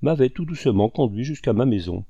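A man reading a classic adventure novel aloud as first-person narration, in a measured, dramatic storytelling manner. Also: mid-range voice, animated, gravelly, dark tone, slightly rough, no room sound, muffled recording. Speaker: audiobook reader.

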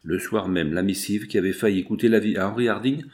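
Male audiobook narrator, low-pitched, steady and dramatic storytelling. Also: quick pace. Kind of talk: scripted narration.

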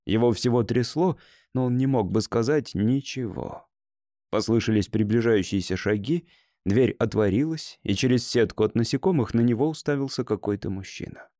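A man reading a story as an audiobook narrator, in a measured, even manner. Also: medium pitch, dry recording, studio quality. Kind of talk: scripted narration.

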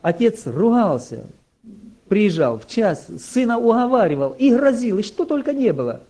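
A male preacher telling a story in a sermon, his fairly high voice swooping widely as he animates every turn. The tone stays dark and mellow despite the lift. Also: normal speed. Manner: animated storyteller, acts out quoted speech.

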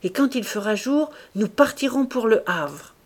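A woman's voice: on the high side, animated, a little slow, pitched above the performer's own voice. A woman voicing a fierce, domineering young woman in an audiobook of a classic novel, speaking in an imperious, threatening way. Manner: imperious and threatening, raises her voice. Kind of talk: audiobook character reading.

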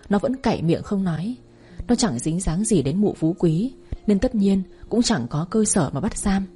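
A woman reading the lines of a grieving father in an audio story, in a steady explaining manner. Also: medium pitch, husky. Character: grieving father telling hard news.

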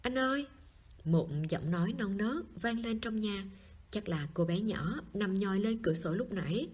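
A woman reads a novel aloud as an audiobook. Her voice is husky and a little breathy, and she keeps a calm, even storytelling pace. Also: medium pitch, moderate pace. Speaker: audiobook narrator. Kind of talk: audiobook narration.

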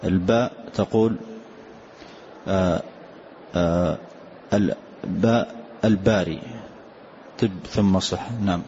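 A low-voiced older man teaches recitation rules in a calm, patient, repetitive manner, pausing to affirm his student. The recording is dull and lo-fi with a faint hiss behind him. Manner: calm, repetitive, answers with short "na'am". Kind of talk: explaining a recitation poem line by line.

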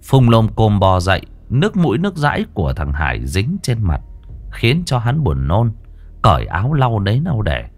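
A man's voice: lowish voice, wildly swooping pitch, moderate pace. A man narrating a ghost story in a vivid, colloquial storytelling manner. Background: soft music.

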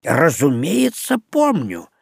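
A man's voice: a little high, wildly swooping pitch, takes it slowly, creaky, slightly rough, no room sound, studio quality, full character voice. A man voicing a pompous, forgetful old male ghost professor in an audiobook. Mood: fussy. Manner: pompous, lecturing.

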